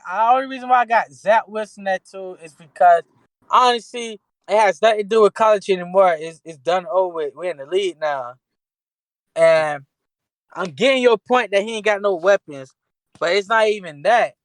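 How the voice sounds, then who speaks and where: A man's voice: high-pitched, normal speed, no room sound. A man co-hosting a sports podcast in loose, slangy casual talk, often restarting his sentences. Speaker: podcast co-host.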